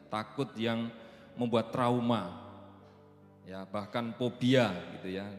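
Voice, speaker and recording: Preaching man in an echoey hall. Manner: swings from loud high preaching to soft chatty storytelling, laughs often. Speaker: pastor. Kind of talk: sermon. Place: church hall. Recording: echoey church hall with reverb and faint music.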